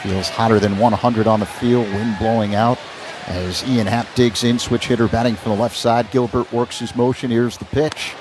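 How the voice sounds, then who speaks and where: Steady and medium-pitched, an American announcer gives live radio play-by-play of a baseball game at a moderate pace. His phrasing is clipped to match the action, and ballpark crowd sounds hum behind the broadcast.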